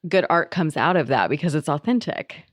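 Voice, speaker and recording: A woman's voice: sits low, expressive, brisk, dry recording, clean studio sound. A woman hosting an interview podcast, talking in an earnest, emphatic, affirming way. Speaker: podcast host. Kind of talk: casual interview chat.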